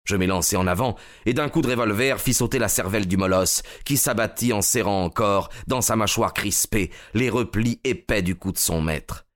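A man giving a measured, dramatic scripted narration of a story. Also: lowish voice.

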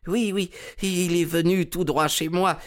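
A man's voice: high voice, steady tone, measured pace, pitched above the performer's own voice. A man voicing a timid elderly male collector, meek, polite and a little stammering.

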